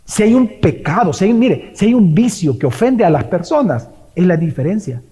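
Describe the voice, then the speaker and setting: Male pastor, high and mellow voice, emphatic sermon in a reverberant church. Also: big pitch swings, moderate pace. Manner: emphatic preaching, swings between loud and hushed. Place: church sanctuary. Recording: long hall reverb.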